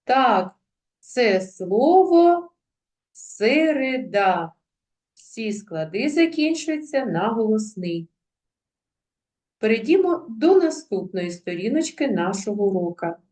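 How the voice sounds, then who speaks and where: A woman's voice: fairly high pitch, sing-song, a little slow, darkish tone. A woman teacher giving a video lesson to young pupils. She speaks carefully and sounds out words syllable by syllable. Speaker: primary school teacher.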